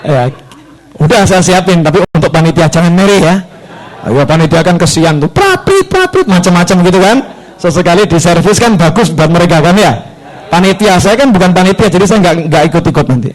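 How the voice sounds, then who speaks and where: A man preaching a lively Islamic sermon with a Javanese accent, his voice hoarse from a cold, joking and acting out the dialogue in his stories. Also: high-pitched, brisk, rough recording. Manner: joking, acts out dialogue in the story.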